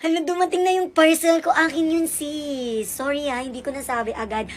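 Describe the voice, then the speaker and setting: Isang batang lalaki na gumaganap bilang mayabang at madaldal na mayamang tita, mataas ang boses. Pasikat siyang magsalita at madalas humalo ng Ingles. May mahinang ingay ng paligid sa likod. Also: male voice, very high voice, steady tone, a little fast, a little hiss or hum. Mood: sheepish. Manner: chatty and showy, mixing in English. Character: brash, boastful rich woman friend of the mother. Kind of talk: comedic skit with one kid playing every role.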